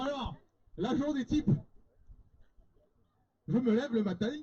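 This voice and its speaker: A man's voice: very high-pitched, dark tone. Young man clowning in a mock Marseille accent. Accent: put-on Marseille accent. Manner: playful, mock-boastful storytelling. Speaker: camp staff member playing a stage game. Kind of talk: improvised comic monologue. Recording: dull lo-fi sound.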